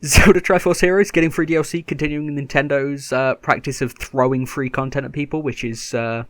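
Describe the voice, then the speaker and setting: A man's voice: medium pitch, steady tone, a little fast, a bit bright, no room sound. A man hosting a casual gaming podcast, running through news in a rambling, self-correcting, upbeat way. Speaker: podcast host.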